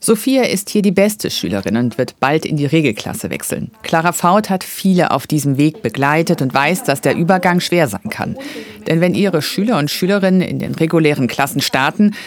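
A woman narrating a scripted news report calmly and clearly. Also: low-pitched, moderate pace.

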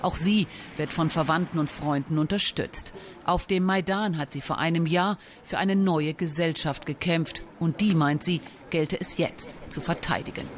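A woman reporting as a news correspondent, reading her report clearly and answering live with some hesitations. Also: low-pitched, normal speed, a little hiss or hum. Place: on location outdoors.

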